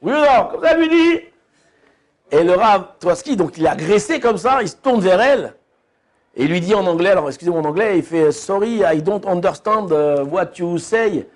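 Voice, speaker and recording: In a brisk, sing-song, high-pitched voice, a rabbi gives an informal lesson on religion. His style is chatty, full of questions to the audience and frequent restarts.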